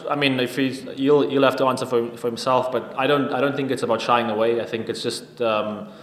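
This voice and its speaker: A man in his thirties answering questions at a post-match press conference at a table mic, even-toned and halting with frequent restarts. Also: mid-range voice. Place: press conference room with sponsor backdrop. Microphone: table microphone. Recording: echoey room with long reverb.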